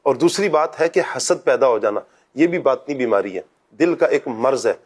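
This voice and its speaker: A man's voice: medium pitch, animated. A man speaking as a religious scholar in a discussion, preaching and asking and answering his own questions.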